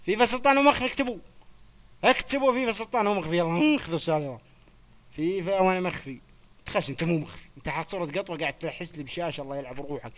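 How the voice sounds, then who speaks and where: A young man hosting a joking quiz on a live chat stream, teasing the players in quick banter. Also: on the high side, fairly bright tone. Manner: teasing, swears oaths, rapid banter with participants.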